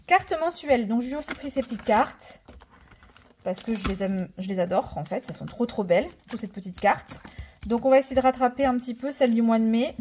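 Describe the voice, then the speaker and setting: A woman in her thirties talks through her budget envelopes in a chatty, eager way, her voice sitting a little high. She fills pauses with little fillers and counts coins aloud. A faint hiss and soft clicks sit under her voice. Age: 30s. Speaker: budget vlogger. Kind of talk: casual budgeting vlog narration.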